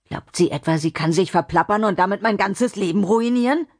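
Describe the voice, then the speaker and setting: A woman's voice: medium pitch, lightly acted. A woman doing a drunk, snarling brute of a man. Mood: menacing. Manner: snarling, hissing, slow and menacing. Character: drunk violent tall middle-aged man.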